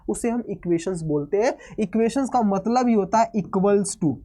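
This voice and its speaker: In a high voice, a man runs an online exam-prep maths lesson, energetic despite a cold-roughened hoarseness. He switches between Hindi and English phrases and repeatedly checks in with students.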